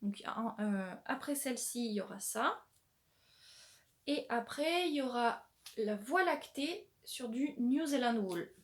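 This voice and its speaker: A woman hosting a knitting podcast, chatting casually with many pauses and restarts as she shows her yarn. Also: on the high side, lively intonation. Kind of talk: casual show-and-tell chat.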